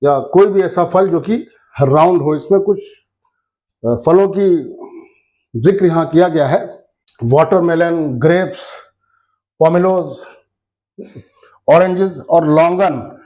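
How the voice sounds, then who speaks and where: A man presenting an explainer lesson, speaking slowly and spelling out English words letter by letter, with English phrases mixed into his talk. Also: fairly high pitch, warm tone. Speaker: educational video presenter. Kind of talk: explainer lesson over a map.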